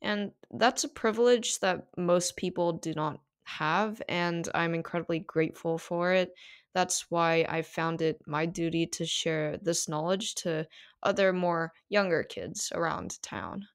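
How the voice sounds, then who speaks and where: A teenage girl from South Korea, a native Korean speaker, hosts a casual solo podcast. She talks in a chatty way full of fillers, with a fairly low pitch and a measured pace.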